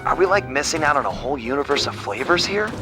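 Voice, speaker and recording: A big, soft-hearted hippo from a video game, dreamy and wondering. His voice sits a little high. The clip sounds far off, with clear music behind. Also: very animated, quick pace. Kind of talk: video game cutscene acting.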